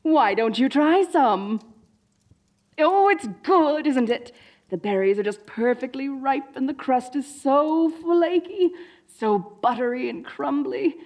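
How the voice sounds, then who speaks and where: A woman with a high voice performs a dorky, theatrical wicked sorceress queen for a comedic roleplay audio drama. The character is grandiose and delights in villainy, though she's soft at heart and awkwardly talkative.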